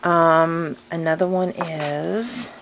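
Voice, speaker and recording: Her voice sits low and she draws out her words as she chats casually at a craft table in her home. A craft vlogger and pattern seller, she rambles hesitantly but with real enthusiasm, and a tongue piercing slightly affects her articulation. The unscripted show-and-tell is captured in a clearly noisy home recording.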